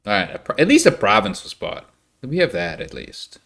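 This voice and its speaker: Commentating casually on a live card game, this man sounds animated and leaps readily into high-pitched reactions. His voice has vocal fry.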